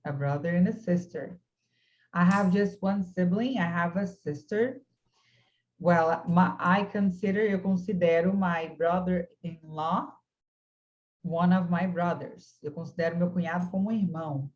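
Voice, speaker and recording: A woman from Brazil leads an online English lesson, speaking very slowly and patiently, with a slightly low voice. She encourages her students warmly and models each word carefully. The sound is dull and lo-fi, as from a video call. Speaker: English teacher. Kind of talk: online class, mixing Portuguese and English.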